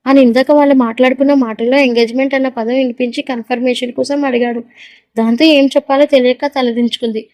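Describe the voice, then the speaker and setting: A woman storyteller narrating a romantic drama in a quick, dramatic way, recorded close to the mic. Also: on the high side, fairly even intonation, darkish tone, dry recording, low-quality recording.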